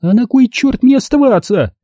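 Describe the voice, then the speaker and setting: A man's voice: extremely high pitch, big pitch swings, fairly quick, slightly rough, dry recording, studio quality, voice pushed up, exaggerated voice. A man voicing a hot-tempered young woman who lashes out defensively at her mother. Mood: angry. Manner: loud, defensive outbursts.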